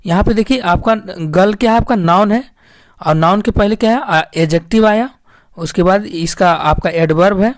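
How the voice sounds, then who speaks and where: A woman's voice: medium pitch, no room sound. Woman English teacher, patient and repetitive, dry close recording. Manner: repetitive, addresses viewers as friends. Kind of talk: explaining grammar lesson.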